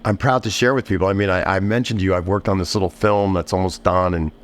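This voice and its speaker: A man's voice: deep voice, quick pace. A man, a shop owner and podcast guest, chatting casually and animatedly, acting out the people he talks about. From New Jersey. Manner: animated storyteller, acts out customers in raised voices.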